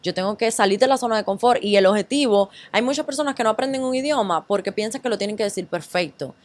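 A woman with a Cuban accent, a guest in a casual interview, telling her story lively and mixing English words into her Spanish. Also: mid-range voice, fast. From Cuba.

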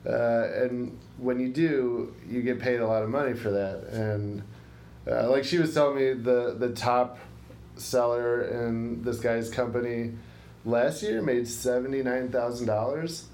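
A man's voice: mid-range voice, unhurried, darkish tone. A young man co-hosting a podcast, chatting casually in a rambling, hesitant way with lots of fillers. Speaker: podcast co-host. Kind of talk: casual chat. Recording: roomy room, faint hiss.

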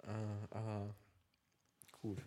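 A man's voice: lowish voice, completely flat delivery, takes it slowly, warm tone. A young man co-hosting a podcast, chatting casually, rambling, restarting his sentences and laughing often. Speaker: podcast co-host. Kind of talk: casual banter.

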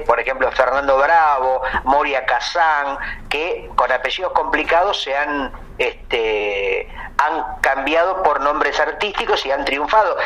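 An Argentine man with a Rioplatense accent, co-hosting a podcast with playful, drawn-out comic riffs. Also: on the high side, pushed and bright, low-quality recording. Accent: Rioplatense Spanish. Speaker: podcast co-host. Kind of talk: comedic podcast banter.

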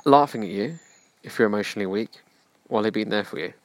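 A man hosts a self-help podcast, addressing the listener directly in an earnest, preachy way. He talks fast in a fairly low voice, and the recording has no echo.

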